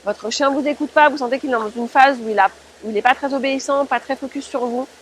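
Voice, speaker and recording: High-voiced woman explaining things informally. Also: quick pace, a little hiss or hum, low-quality recording. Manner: explanatory, addresses listeners directly with rhetorical questions. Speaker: dog-training advice presenter. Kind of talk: informal spoken tutorial.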